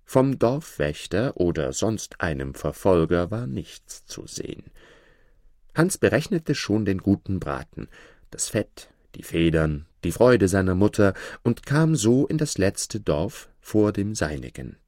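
A man reading a fairy tale aloud as an audiobook, in an expressive storytelling manner. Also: low-pitched, measured pace, no echo, studio quality. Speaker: audiobook reader.

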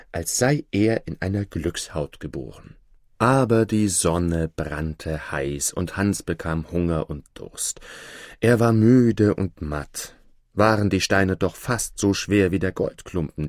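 A man reading a fairy tale aloud as an audiobook, in an expressive storytelling manner. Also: on the low side, no echo, studio quality. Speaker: audiobook reader.

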